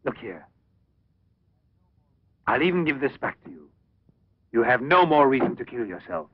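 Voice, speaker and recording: An actor playing a possessive, obsessed male scientist, speaking in a measured, persuasive way in an old English film dub. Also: mid-range voice, sing-song, slightly rough. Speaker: professor. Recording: dull, dry old film soundtrack.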